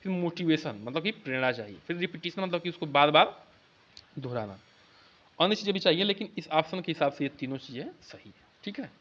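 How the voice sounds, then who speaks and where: A man teaching an exam-prep lesson in Hindi, explaining each answer and reading the English questions out slowly, word by word. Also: fairly high pitch, expressive, a bit bright. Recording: dull lo-fi sound.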